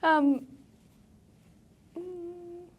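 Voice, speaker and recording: A woman interviewing, asking questions gently and rephrasing them to help the speaker understand. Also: very high-pitched, steady tone, drawn-out words. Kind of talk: oral history interview.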